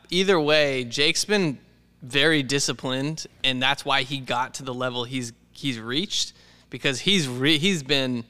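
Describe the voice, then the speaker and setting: A man's voice: medium pitch, pushed and bright, clean tone. A man chatting casually about sports as a podcast co-host, recorded in a reverberant room.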